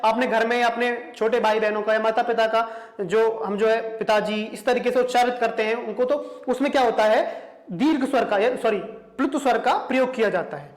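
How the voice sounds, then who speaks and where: Man teaching in an echoey room. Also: very high-pitched. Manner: asks rhetorical questions, repeats points. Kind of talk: exam-prep classroom lesson.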